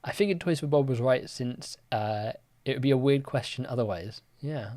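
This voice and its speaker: With a mid-range voice at a moderate pace, a young man hosts a live quiz in a chatty, relaxed style. He uses plenty of fillers while reading out viewer comments and chat questions and replying to them.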